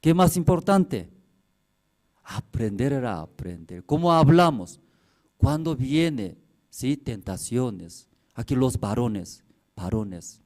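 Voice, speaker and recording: Slow, animated preacher man. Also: mid-range voice. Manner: repetitive, with rhetorical questions and tag questions; slightly broken, non-native-sounding Spanish phrasing. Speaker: pastor. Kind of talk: sermon.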